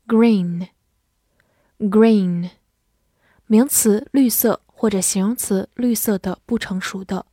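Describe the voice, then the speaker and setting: A woman's voice: mid-range voice, a little mellow, breathy edge, no room sound, clean studio sound. A woman teaching English vocabulary, saying each word twice and then giving its meanings, in scripted lesson narration.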